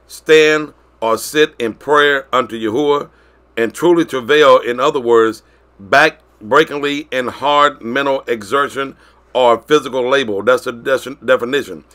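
Bright-voiced man preaching a sermon. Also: medium pitch. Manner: preaching, swinging between loud declarations and quiet drawn-out phrases.

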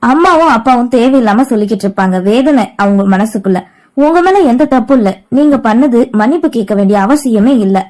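A gentle young woman in an audio novel, consoling her parents in a kind, steady voice, as a woman reader puts her on. Her tone sits high and reassuring. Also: a little fast, lightly acted. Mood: soothing.

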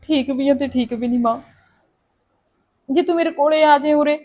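A woman's voice: high-pitched, normal speed, darkish tone, natural voice. An actress playing a married daughter coaxing her mother to visit, on the phone.

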